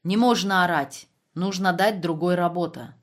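A woman voicing a gentle German man who pleads softly but firmly in broken Russian. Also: on the low side, normal speed, lightly acted. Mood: quiet firm.

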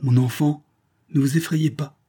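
A man reading a gentle, anxious old father. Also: a little high, fairly even intonation, measured pace, husky, pitched above the performer's own voice. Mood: earnest, impassioned.

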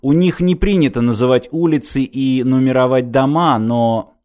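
A man's voice: mid-range voice, moderate pace, a little mellow, natural voice. A man reading the lines of a curious adult male traveler in an audiobook.

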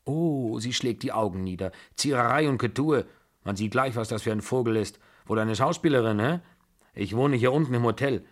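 A man's voice: medium pitch, normal speed, pitched above the performer's own voice, close to an everyday voice. A man voicing a blunt, imperious rich old aunt of seventy-five who talks in a brusque, mocking way.

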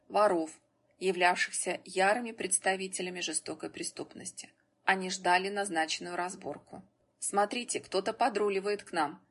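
A woman reading an action story aloud as narrator, in steady scripted narration. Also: medium pitch, husky.

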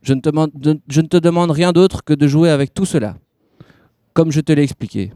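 A chilly, smooth-talking man in grey pushes and coaxes in a sweet but icy tone, as a man reading a novel aloud puts him on. The voice is dark and mellow. The sound is dry and close. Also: fairly high pitch, brisk, dry recording, voice pushed up, close to an everyday voice. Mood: coaxing. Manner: persuasive, pushy, icy under a sweet tone.

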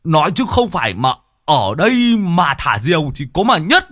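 A man doing a high excitable young joker. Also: normal speed, no room sound, studio quality. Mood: excited. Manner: excited exclamations.

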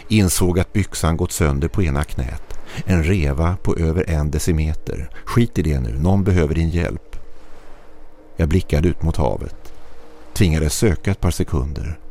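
A man with a low, dark, mellow voice reads a first-person horror story. He delivers it in short, clipped, tense phrases, with a faint hum of ambience behind him. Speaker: narrator. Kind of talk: scripted narration of a horror story.

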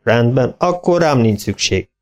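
A composed, unhurried country vet who keeps his voice level and plain, as a male narrator reads him. He speaks firmly and without fuss. It is a storybook character in an audiobook. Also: mid-range voice, close to an everyday voice. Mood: calm. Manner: calm, level, matter-of-fact. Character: calm, unhurried country vet, grown man. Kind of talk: audiobook reading.

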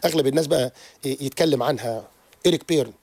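A man, a therapist guest on a radio show who lectures quickly and keeps restarting his sentences. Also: mid-range voice, no echo. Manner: animated, rapid lecturing with frequent restarts. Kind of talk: radio interview explanation. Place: radio studio.

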